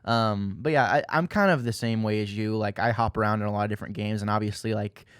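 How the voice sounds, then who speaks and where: A man hosts a laid-back podcast chat, friendly and rambling, full of "um" and "you know". His voice sits fairly low. The sound is dry and close. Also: fast, clear, resonant tone, no room sound. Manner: rambling, filler-heavy, friendly. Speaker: podcast host.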